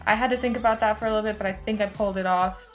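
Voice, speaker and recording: A woman of about twenty, a student vlogger, chats casually to the camera about something that happened to her, rambling informally and often cutting herself off. Her mid-range voice keeps a fairly even intonation and moves very fast, with soft music playing in the background.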